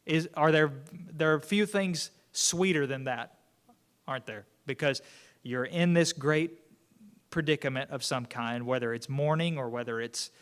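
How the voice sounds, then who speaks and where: A man's voice: fairly high pitch, unhurried, a bit bright, clean tone. A man teaching an unscripted Bible class lesson in a conversational way, often restarting his sentences. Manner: conversational, many restarts and fillers.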